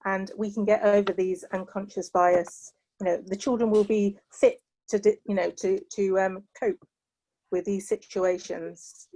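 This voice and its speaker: Heard on a rough recording, a middle-aged Englishwoman with a British accent speaks in a warm, medium-pitched, level voice without hurrying. As a panel guest, she reflects earnestly on personal matters, frequently adding "you know."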